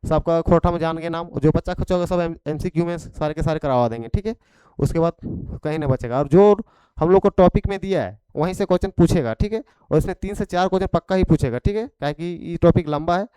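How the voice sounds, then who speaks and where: A man's voice: on the high side, dark tone, clean tone, dry recording, low-quality recording. Man teaching with a Khortha accent. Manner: repetitive, checks with "ठीक है" after each point. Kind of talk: exam prep vocabulary lesson.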